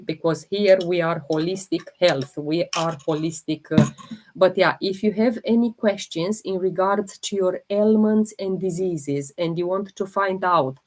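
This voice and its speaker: A woman's voice: on the low side, darkish tone. A woman from Romania with a Romanian accent, hosting a holistic health livestream, talking casually and hesitantly while she demonstrates and answers viewer comments. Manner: slow, hesitant, many fillers while demonstrating.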